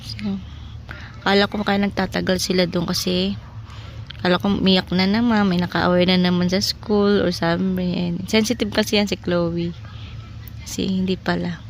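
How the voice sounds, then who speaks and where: A woman's voice: lowish voice, little pitch movement, normal speed, vocal fry. A woman chatting casually in a home vlog, showing her fridge and her groceries, switching between Tagalog and English. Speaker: vlogger. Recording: noticeable background noise.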